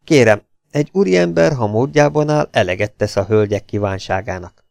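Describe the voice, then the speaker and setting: A man's voice: fairly low pitch, lively intonation, a little mellow, no room sound, studio quality. A man doing a mock-polite gangster. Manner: smooth, mocking courtesy. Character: mock-polite adult male gangster, cool and menacing.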